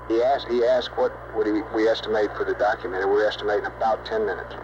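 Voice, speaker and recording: A man's voice: on the low side, level tone, fast. A man working as a flight director, coordinating a space mission over a radio loop in a businesslike, clipped way. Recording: noisy, dull 1960s mission radio loop.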